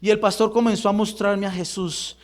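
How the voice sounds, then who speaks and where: A middle-aged man tells his conversion story to a congregation in an unusually high voice. He talks fast and vividly and acts out every voice in the story himself. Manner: animated storytelling, acting out quoted dialogue. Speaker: church member giving testimony. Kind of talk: testimony in a church service.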